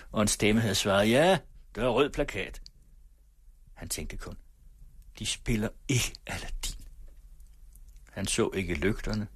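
A man narrating a story in a calm, measured way. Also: low-pitched, slightly rough, dry recording.

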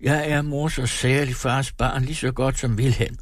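A man's voice: mid-range voice, fairly even intonation, dry recording, clean studio sound, voice pushed up, lightly acted. A man doing a homesick, plaintive teenage apprentice. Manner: complaining, pleading.

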